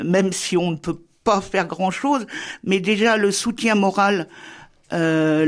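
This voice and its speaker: A woman guest on a radio interview, speaking haltingly, searching for words and repeating phrases. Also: fairly low pitch. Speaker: guest, member of a religious fellowship.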